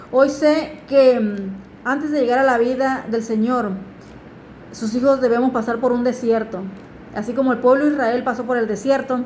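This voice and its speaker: Woman, fairly high voice, earnest faith testimony recorded in an echoey room. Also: a little mellow, a little hiss or hum. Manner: earnest, pleading with listeners to turn to God. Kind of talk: personal religious testimony.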